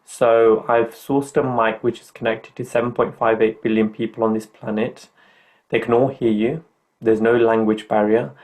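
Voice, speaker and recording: A man's voice: medium pitch, little pitch movement, normal speed, darkish tone. Upbeat middle-aged male podcast host. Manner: upbeat, earnest, motivational. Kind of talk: motivational podcast chat.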